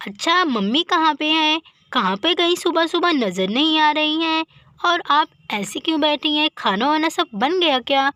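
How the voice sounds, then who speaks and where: A woman voicing a cheerful young woman who comes home to visit, excited and chirpy. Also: high voice, normal speed, no room sound.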